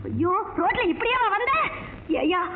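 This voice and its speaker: A woman's voice: very high voice, sing-song, normal speed. An actress playing a fed-up working-class wife in a film comedy, scolding her husband in exasperation. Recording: tinny lo-fi film audio with faint hiss.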